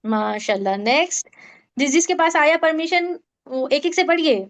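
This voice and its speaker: Woman, recitation teacher, high voice, quizzing students, slow syllable drills. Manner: drills syllables slowly, asks students questions. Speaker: Tajweed teacher. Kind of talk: online class instruction.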